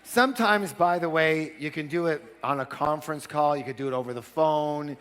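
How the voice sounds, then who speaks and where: A man giving an energetic live seminar talk, drawing call-and-response from the audience. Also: a little high, normal speed. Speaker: seminar speaker. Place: large seminar hall. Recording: long hall reverb.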